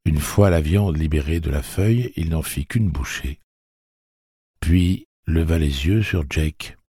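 A man reading an audiobook story in a measured, steady way. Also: a bass voice, husky, dry recording, studio quality. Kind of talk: audiobook narration.

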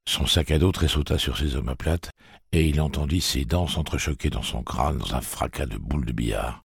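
A man reading a novel aloud as an audiobook narrator, with a gravelly, husky voice and a steady, measured delivery. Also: very deep voice, dry recording, clean studio sound. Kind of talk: scripted narration.

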